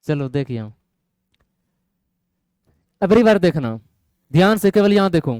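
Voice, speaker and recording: A man's voice: a little high, big pitch swings, measured pace, darkish tone, dry recording, studio quality. A male math teacher lecturing a classroom of students, often quizzing them and asking if they follow. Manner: quizzes students, keeps asking "getting my point?".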